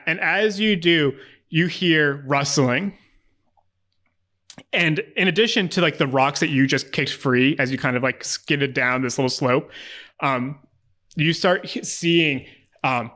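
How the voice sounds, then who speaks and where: A man with a slightly high voice runs a tabletop game. He describes scenes casually and in detail, pausing and restarting as he looks for the right words. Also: sharp tone. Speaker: game master. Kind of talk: improvised tabletop game narration.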